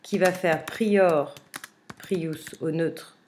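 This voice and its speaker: A woman teaching a remote Latin lesson, reading Latin phrases slowly and glossing them word by word, with frequent hesitant fillers. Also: low voice, fairly even intonation, darkish tone, slight background noise. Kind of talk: remote lesson, explaining a translation.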